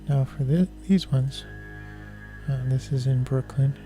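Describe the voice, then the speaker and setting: A man giving casual, low-key live-stream commentary as he works on photos, unhurried, with music behind him.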